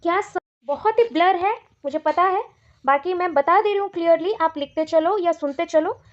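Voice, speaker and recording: A woman teacher with an Indian accent giving a brisk exam revision lecture, reading questions aloud slowly and explaining them. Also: very high-pitched. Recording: dull lo-fi recording.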